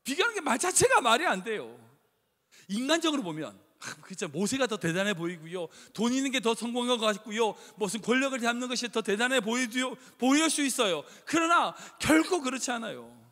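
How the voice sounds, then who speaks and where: Male pastor, very high and animated delivery, emphatic sermon, echoey sanctuary. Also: a little fast. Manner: emphatic, conversational preaching with rhetorical questions. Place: church sanctuary. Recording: echoey hall reverb.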